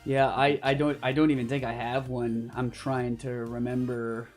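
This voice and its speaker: With background music behind him, a livestream host from Canada chats about his game in a loose, jokey, meandering way from home in his apartment over live voice chat. He talks at normal speed in a medium-pitched voice with a flat delivery.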